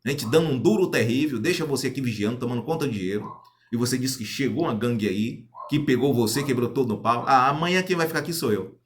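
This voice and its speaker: A man's voice: medium pitch, fast, natural voice. A man voicing an indignant young bandit who scolds his partners in a folk tale told aloud. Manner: exasperated, scolding.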